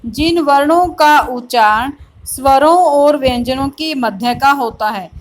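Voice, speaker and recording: Slow-speaking woman teacher, high voice. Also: rough recording. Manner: slow, explanatory, repeats "theek hai" and asks rhetorical questions. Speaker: school teacher. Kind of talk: classroom grammar lesson. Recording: faint background noise and clicks.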